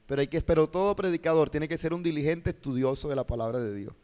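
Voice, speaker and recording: A male pastor giving a lesson on preaching, animated and often asking his listeners to agree. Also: fairly high pitch, fast. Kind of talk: classroom lecture with preaching demonstrations. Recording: hall reverb.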